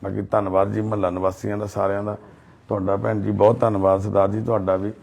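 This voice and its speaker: A man, a charity volunteer speaking gently and reverently in a home as he makes an appeal and reassures an elderly couple. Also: lowish voice, level tone, fast, creaky. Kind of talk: on-the-spot appeal and consoling talk. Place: indoors at a family home.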